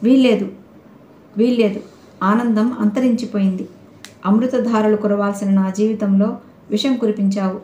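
Woman voicing a resentful young wife for a storybook, accusing and indignant, mellow voice, echoey room, light character voice. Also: mid-range voice, fairly even intonation, moderate pace, close to an everyday voice. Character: young bride, bitter and defiant. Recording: roomy echoey recording.

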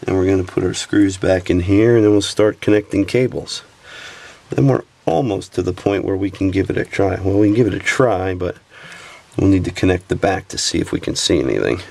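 Low-pitched, creaky, and brisk, a sniffly man explains a camera repair step by step as he works at a workbench indoors. He's a repair technician and stays relaxed, talking while his hands do the work.

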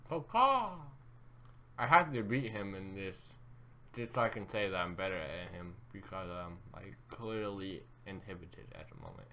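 A man's voice: sits low, moderate pace, a bit bright, a little hiss or hum. A young man chatting casually over a game, groggy and muddled, his mouth numb after dental surgery and painkillers. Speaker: video game player. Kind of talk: casual chat while gaming.

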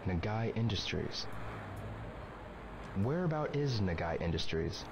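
A man's voice: fairly low pitch, big pitch swings, unhurried, creaky, lo-fi sound, noisy background, heavily acted. An actor playing an earnest, reserved and polite young man in a video game, speaking stiffly. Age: young adult. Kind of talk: video game English dub.

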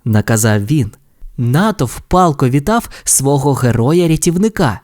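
A male storyteller reading a children's audio fairy tale. His voice sits at an ordinary middle pitch but moves up and down freely. The delivery is expressive and warm toward young listeners. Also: unhurried.

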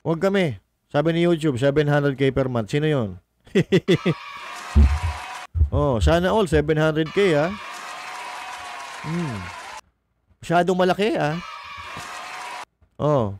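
A man's voice: fairly high pitch, unhurried, pauses often, crowd noise, background noise. A man doing casual political commentary on a livestream, mocking and combative, swearing and reading viewer comments aloud. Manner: mocking, combative, swears, laughs at own jokes.

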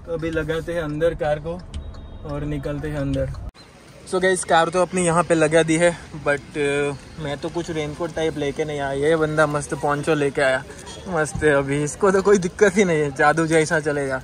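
A man's voice: fairly high pitch, fairly even intonation, moderate pace. A young man chatting casually to viewers as he vlogs a trip on a foggy rainy hilltop. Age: young adult. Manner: chatty, addresses viewers as guys. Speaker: travel vlogger. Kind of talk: casual travel vlog. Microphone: handheld phone at arm's length. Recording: outdoor phone recording with clear background noise.

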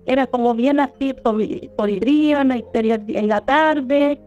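A woman's voice: high-pitched, darkish tone. Chilean woman telling a story over lo-fi audio. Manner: rambling, halting, repeats and restarts words. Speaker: storyteller guest. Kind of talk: recounting a personal experience. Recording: muffled lo-fi audio with faint music.

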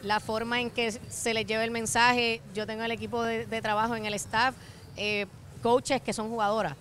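Woman, 30s, Puerto Rican accent, coach on a handheld mic, slightly high voice, measured. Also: little pitch movement, a bit bright, a little hiss or hum. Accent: Puerto Rican Spanish. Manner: measured, uses fillers like este. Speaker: national youth basketball coach. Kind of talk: televised interview. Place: courtside in an indoor basketball arena. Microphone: handheld microphone.

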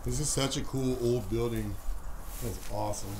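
A man's voice: mid-range voice, steady tone, moderate pace. A man in his thirties chatting casually to a handheld camera, slangy and full of wonder, as he explores. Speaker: vlogger exploring abandoned buildings. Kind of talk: casual exploration vlog chat. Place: outdoors and inside derelict empty buildings. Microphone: camera held at arm's length. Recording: clear background noise, handheld camera.

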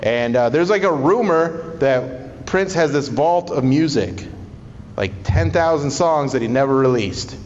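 A man's voice: medium pitch, expressive, unhurried. A middle-aged man doing stand-up crowd work, bantering with the audience in a casual, conversational, profane way. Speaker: stand-up comedian. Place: small live comedy show in a climbing gym. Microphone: handheld stage microphone, recorded from the audience. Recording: muffled live room sound, long reverb, audience noise. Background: audience laughter.

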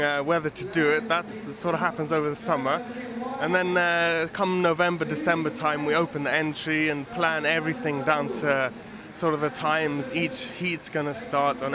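Slightly high man, hesitant organiser. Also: fairly even intonation, moderate pace, crowd noise. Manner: hesitant, filler-heavy. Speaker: event organiser. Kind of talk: interview answers. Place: large indoor event hall. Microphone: handheld mic.

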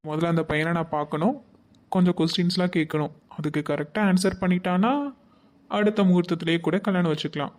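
A woman voicing a caring father in a cartoon, calm and reassuring. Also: on the low side, quick pace, natural voice.

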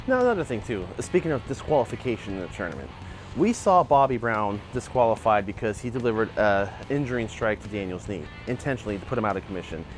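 A man in his forties, a martial arts channel host, gives opinionated commentary outdoors in a backyard on a lapel mic, talking animatedly. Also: medium pitch. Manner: animated, gestures a lot while arguing a point. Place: outdoor backyard by a wooden fence.

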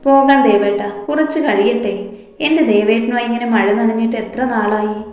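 A woman's voice: a little high, fairly even intonation, normal speed, a little mellow, faint music behind, close to an everyday voice. A woman voicing an affectionate, playful young wife, recorded in a very echoey room.

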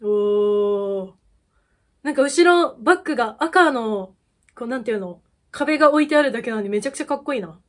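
Excitable young woman with a bright voice. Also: fairly high pitch, a little fast. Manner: excitable, gushing, bursts of exclamations and laughter. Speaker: idol fan YouTuber. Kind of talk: casual reaction commentary.

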